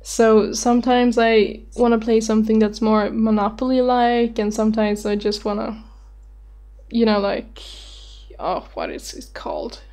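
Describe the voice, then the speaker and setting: Young woman in her twenties, slightly high voice, unhurried, rambling casual webcam vlog. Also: steady tone, dark tone. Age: 20s. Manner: rambling, giggly, self-deprecating, swears casually. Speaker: vlogger answering viewer questions. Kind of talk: casual chat.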